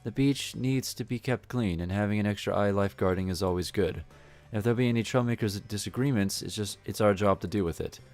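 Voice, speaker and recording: A man's voice: on the low side, fast, a little mellow, faint music behind, natural voice. A man voicing a young female resort supervisor who explains duties in a matter-of-fact way. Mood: brisk.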